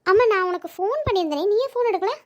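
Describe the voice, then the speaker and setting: A woman doing Vadivu, a feisty squeaky maid. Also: animated, racing. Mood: chatty. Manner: scolding, pleading, then panicky. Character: feisty young woman housemaid, bold and quick-tempered. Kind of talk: cartoon voice acting.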